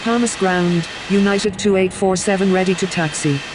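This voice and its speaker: A woman acts as a businesslike airline pilot over the radio in a flight simulator game. Her calls are procedural, with clear engine-like noise in the background. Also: mid-range voice, fairly even intonation, moderate pace, lightly acted. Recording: noisy radio with engine-like ambience.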